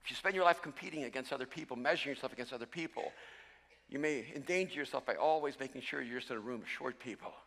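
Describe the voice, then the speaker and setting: A pastor from El Salvador preaching a sermon, animated and self-mocking, often stumbling and repeating words as he restarts. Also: mid-range voice, fast. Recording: long hall reverb.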